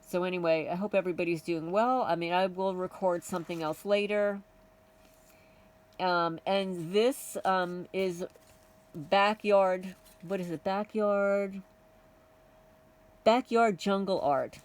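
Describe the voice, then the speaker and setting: A woman's voice: fairly low pitch, fairly even intonation, slow pace, long pauses, recorded from a distance, low-quality recording. A woman with a Kentucky accent talking casually to her channel viewers, rambling with many ums and restarts. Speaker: homesteading channel vlogger. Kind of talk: casual vlog talk to viewers.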